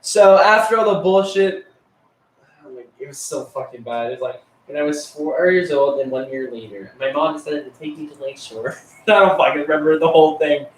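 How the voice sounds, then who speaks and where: A man's voice: a little high, fairly quick, echoey room, slight background noise, low-quality recording. A teenage male telling crude, rambling stories about school, heavy on swearing and filler words. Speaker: storyteller. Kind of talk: casual storytelling.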